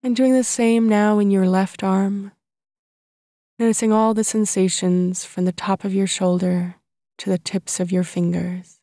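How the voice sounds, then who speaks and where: Soft, mellow woman guiding a calm meditation. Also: mid-range voice, no echo, studio quality. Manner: calm, soothing, unhurried, long pauses between phrases. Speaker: guided meditation narrator. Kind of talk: guided body-scan meditation narration.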